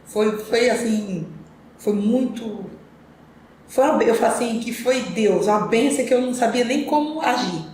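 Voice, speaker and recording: A woman's voice: a little high, normal speed, a little mellow. A woman, a podcast interview guest telling her life story in an earnest, reflective, rambling way. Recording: echoey room with faint ambient noise.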